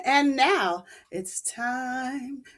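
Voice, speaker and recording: A woman's voice: sits high, extremely slow, fairly bright tone, heavily acted. A woman playing an overbright, exclamatory children's show host with a cheery, sing-song delivery. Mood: sing-song, affectionate. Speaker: children's show host teaching letter sounds.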